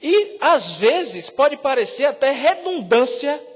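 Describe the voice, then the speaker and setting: A seminarian from Salvador, preaching a sermon and rising to loud, emphatic peaks on key words. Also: male voice, very high voice, very animated, takes it slowly. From Salvador, Brazil. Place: church. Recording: reverberant church hall.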